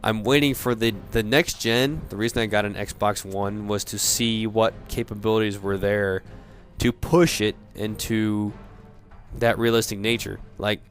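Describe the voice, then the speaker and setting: A man in a profane off-the-cuff gamer rant, sounding drunk, rambling haltingly and repeating himself. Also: fairly low pitch, fairly even intonation, faint music behind. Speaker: gamer ranting about video games.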